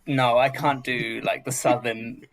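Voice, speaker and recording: A man co-hosting a casual film podcast, hesitant and halting. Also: mid-range voice, level tone, crowd noise, rough recording. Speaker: podcast co-host.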